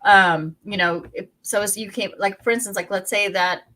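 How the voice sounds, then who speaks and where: A woman's voice: mid-range voice, normal speed, sharp tone, poor audio. A woman co-hosting a real estate podcast, talking casually in a rambling way with frequent restarts and laughter, with a Pacific Northwest American accent. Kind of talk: casual chat.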